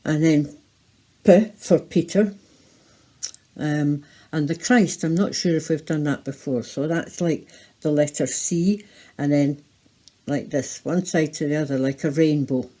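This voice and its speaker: A woman leads a children's memory lesson. Her voice is mellow and unhurried, with deliberate, separated phrases that turn sing-song when demonstrating. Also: low voice. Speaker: children's holiday club presenter.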